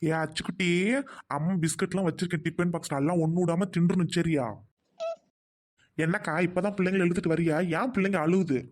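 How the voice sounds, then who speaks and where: Woman doing a bold mouthy village mom, low voice, rattles it off quick, rural trichy tamil accent. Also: steady tone, a little mellow, lightly acted. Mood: blunt. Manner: blunt, outspoken, quick-talking. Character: outspoken young village mother, bold and defiant. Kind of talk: comedy skit acting.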